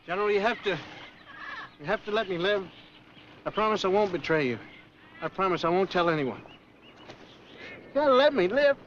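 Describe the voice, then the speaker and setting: An actor playing an agent who talks in a lively, blustering, sometimes pleading way, in an old TV series. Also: male voice, sits high, brisk, pauses often, a little hiss or hum. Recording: dull lo-fi TV soundtrack with music.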